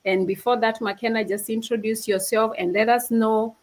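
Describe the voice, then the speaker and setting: A woman's voice: on the high side, steady tone, moderate pace, rough recording. A woman from Kenya hosting a casual livestream over a video call, talking earnestly and often restarting her phrases. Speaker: host of a livestream.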